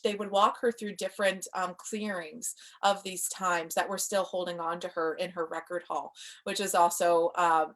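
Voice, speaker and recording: A woman giving a casual, enthusiastic live-stream class on spiritual practice, chatting to viewers and answering their comments. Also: medium pitch. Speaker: spiritual teacher.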